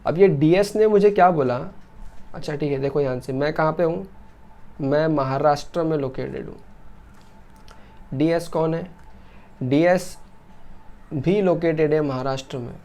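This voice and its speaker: A man giving a recorded lecture, asking and answering his own questions and slowing down to dictate definitions. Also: on the high side, dark tone. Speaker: teacher.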